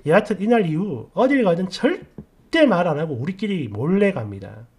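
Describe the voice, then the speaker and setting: A woman's voice: lowish voice, very animated, moderate pace, darkish tone, husky. A woman narrating reader-submitted family stories in a chatty, indignant storytelling manner.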